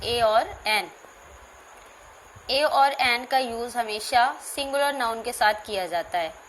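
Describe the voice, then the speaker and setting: Slow, explaining woman teacher. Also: high-pitched, fairly bright tone, slight background noise. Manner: slow, explanatory, repeats and spells out words. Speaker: school teacher. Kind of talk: classroom grammar lesson.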